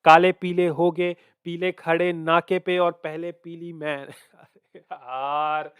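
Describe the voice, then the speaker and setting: A man's voice: a little high, level tone, takes it slowly, smooth. Chatty man breaking down rap lyrics. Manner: mixes Hindi and English, repeats lyrics aloud, thinks out loud. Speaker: music reaction host. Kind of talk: casual reaction breakdown.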